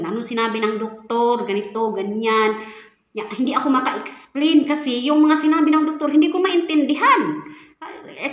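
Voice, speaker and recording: A woman's voice: on the high side, a bit bright. A young Filipina woman, a caretaker, telling a story in a casual vlog, chatty and full of fillers, often speaking to her viewers. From Philippines. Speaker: caretaker for an elderly woman in Taiwan. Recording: echoey room.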